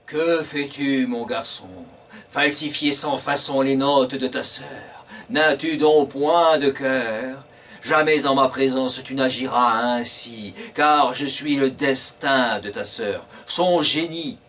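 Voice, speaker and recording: A grave, stern genie, as a male storyteller puts him on, low and slow, speaking in solemn, old-fashioned phrases. Heard from a distance over faint hiss. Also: fairly bright tone.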